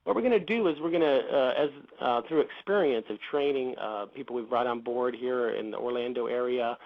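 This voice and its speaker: A man's voice: mid-range voice, a little fast. A man answering interview questions about his business, speaking hesitantly with many fillers and restarts. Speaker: reputation management company founder. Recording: dull lo-fi audio.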